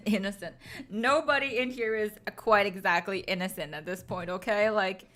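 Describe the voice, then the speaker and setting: This young woman speaks at a moderate pace in a medium-pitched, fairly bright voice, casually chatting with viewers on her stream. She teases them with playful sarcasm and leans heavily on "like," with faint music in the background.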